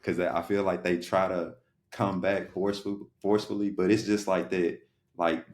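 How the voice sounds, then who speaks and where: A man's voice: low voice, level tone, moderate pace, darkish tone. A man co-hosting a podcast in a loose, rambling casual chat, full of fillers. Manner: loose, rambling, lots of "you know what I'm saying". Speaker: podcast co-host.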